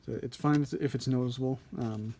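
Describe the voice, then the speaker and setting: A man's voice: medium pitch, fairly even intonation, fairly quick, mellow. A man giving a casual hands-on tutorial as an instructor, informal and a little hesitant, thinking aloud as he explains. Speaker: card trick instructor.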